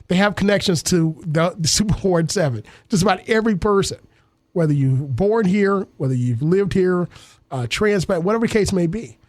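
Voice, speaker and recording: A man's voice: high-pitched, a little mellow, dry recording. A man, hosting a radio talk show with earnest civic commentary. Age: 30s. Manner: earnest, civic-minded, repeats words while thinking.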